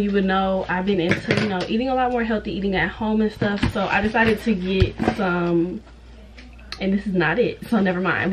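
A woman's voice: mid-range voice, slight background noise, poor audio. A woman, chatting casually to viewers in a vlog from her college apartment bedroom. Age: 20s. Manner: chatty, addresses viewers as y'all. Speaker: vlogger.

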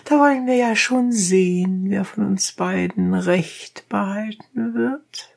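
A narrator voicing a stubborn, defiant donkey driver in a high, drawn-out, insistent voice for a satirical audiobook. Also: vocal fry. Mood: cold challenge.

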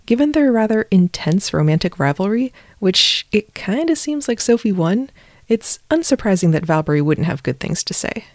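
A woman host narrating history from a script, with wry, conversational asides on a low-budget home mic. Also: sing-song, normal speed, no room sound, studio quality.

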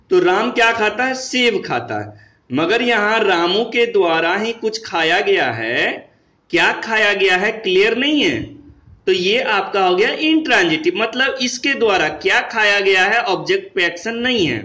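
A man's voice: sits high, pushed and bright, reverberant, rough recording. A man with an Indian accent teaching English grammar, mixing Hindi and English and asking his students questions, then answering them himself.

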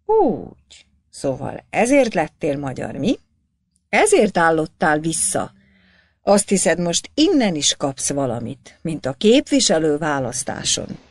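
A woman voicing a scornful middle-aged male village clerk who mocks and shouts at a poor man. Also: a little high, wildly swooping pitch, no echo, voice pushed up, full character voice. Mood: angry shouting. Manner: mocking, shouting.

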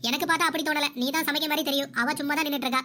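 A woman voicing a bossy, sarcastic older mother-in-law in a cartoon, nagging rapidly. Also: high voice, steady tone, bright, forceful tone. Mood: scolding. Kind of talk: cartoon voice acting.

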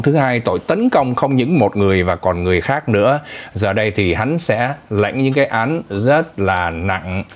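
Male anchor, lively news chat. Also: fairly low pitch. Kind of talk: conversational news commentary.

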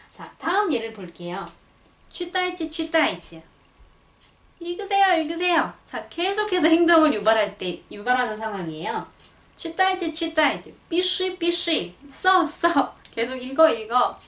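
A young woman teaching a language lesson, explaining patiently and reading example sentences slowly and clearly. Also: sits high, a bit bright. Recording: roomy, a bit far from the mic.

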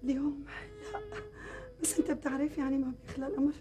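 A woman's voice: high voice, little pitch movement, rapid-fire, over loud music, close to an everyday voice. An actress playing an anxious middle-aged Damascene mother with a Damascene accent, speaking in a fearful, pleading way. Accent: Damascene Arabic.

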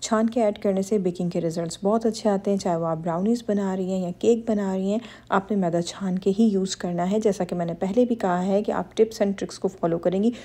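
A woman's voice: mid-range voice, warm tone. A woman hosting a cooking channel, giving a step-by-step baking lesson in a reassuring, instructive voice-over. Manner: instructive, reassuring, addresses women viewers directly.

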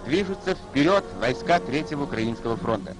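A man's voice: mid-range voice, lively intonation, brisk, over loud music, low-quality recording. A man reading scripted wartime narration for a 1940s newsreel in a solemn, declamatory announcer delivery. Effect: 1940s newsreel voice-over. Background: orchestral score.

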